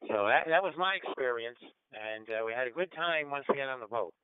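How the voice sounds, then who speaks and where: A man's voice: medium pitch, expressive, smooth, no echo, narrow, tinny audio. Give me a man on glitchy digital radio. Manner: halting, many fillers. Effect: glitchy digital radio audio breaking up. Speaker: ham radio net participant. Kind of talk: casual on-air chat.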